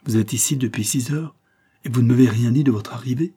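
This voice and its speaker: A man's voice: medium pitch, quick pace, warm tone, slightly rough, pitched above the performer's own voice. A man voicing a proud, anxious young wife. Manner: tense, scornful questioning. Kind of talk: audiobook character reading.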